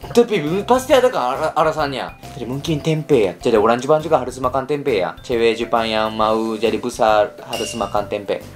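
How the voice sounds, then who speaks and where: A man's voice: mid-range voice, a little fast, few pauses, soft background music. A young man from Kansai in Japan with a Japanese accent, chatting playfully to camera and slipping in Japanese particles. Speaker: vlogger. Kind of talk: casual chat to camera.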